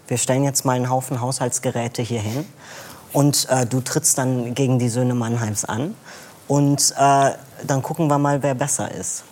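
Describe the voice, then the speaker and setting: A man's voice: medium pitch, darkish tone, a little hiss or hum. A young man as a guest on a talk show, chatting casually with many fillers.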